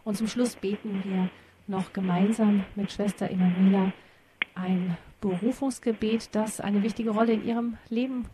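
A woman's voice: medium pitch, steady tone, moderate pace, noisy background. A woman hosting a radio interview who speaks in a formal, courteous way. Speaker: radio show host.

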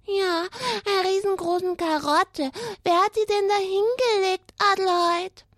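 A performer voicing a small, eager hare puppet who talks like an excited child in a children's puppet show. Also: very high-pitched, a little slow, no echo, clean studio sound. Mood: chatty. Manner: chatty, excitable, childish talk.

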